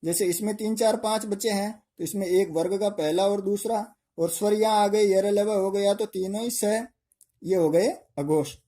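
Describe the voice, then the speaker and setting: A man's voice: sits high, steady tone, moderate pace, warm tone. A man teaching pronunciation for exams, explaining step by step and asking and answering his own questions. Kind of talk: exam-prep grammar lesson.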